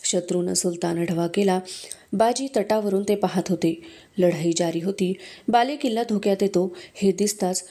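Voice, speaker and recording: A woman's voice: mid-range voice, moderate pace, dark tone, natural voice. A woman reading aloud, voicing a loyal male soldier who gives an earnest report of a battle.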